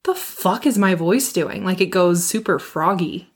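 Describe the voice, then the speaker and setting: A woman's voice: fairly low pitch, lively intonation, a little slow, slightly rough. A young woman co-hosting a podcast in casual chat, laughing often and frankly poking fun at herself. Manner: laughing, self-deprecating, frank. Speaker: podcast co-host.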